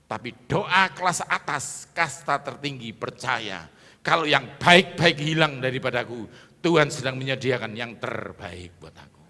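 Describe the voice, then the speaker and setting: A middle-aged male preacher delivers an emphatic sermon, his voice bright and swinging widely in pitch. He keeps rousing the congregation for amens and applause. The sound rings with the long reverb of a large church hall. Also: lively intonation, measured pace.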